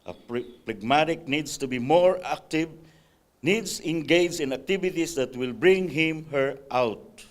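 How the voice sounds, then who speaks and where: A man's voice: fairly high pitch, a little slow. Man reading aloud, adding asides. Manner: reads a text aloud, adding spontaneous comments and checks like "right?"; occasional hesitations and restarts. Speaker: Sabbath school speaker. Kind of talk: church class talk, reading with asides.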